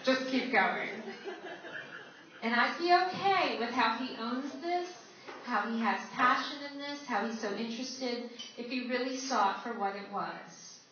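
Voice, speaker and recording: A woman's voice: on the high side, moderate pace, sharp tone. A woman doing stand-up comedy, telling stories with sarcastic exasperation. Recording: echoey, distant, dull, noisy live recording.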